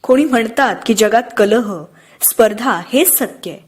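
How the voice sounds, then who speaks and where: A woman reads an audiobook aloud in a slightly high, husky voice. She tells the story steadily, with expression. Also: a little slow. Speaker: audiobook narrator. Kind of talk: audiobook narration.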